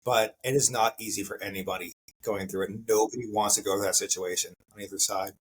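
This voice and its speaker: Husky, low-voiced male podcast host. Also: steady tone, brisk, rough recording. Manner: conversational, repeats himself, many "like" fillers. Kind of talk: casual interview talk.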